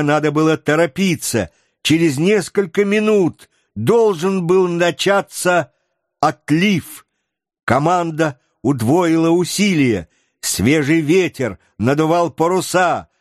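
A man narrating an adventure novel as an audiobook, in a measured, deliberate storytelling manner. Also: on the high side, dry recording, studio quality.

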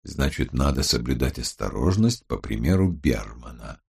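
A man voicing a calm, terse male criminologist in an audiobook, speaking low and level. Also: normal speed, gravelly, breathy edge, heavily acted. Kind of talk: audiobook character voice.

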